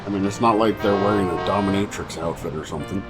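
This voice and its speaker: A man casually commenting while he plays through an old adventure game, joking and thinking out loud. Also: sits low, quick pace. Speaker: streamer playing a game. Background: game music.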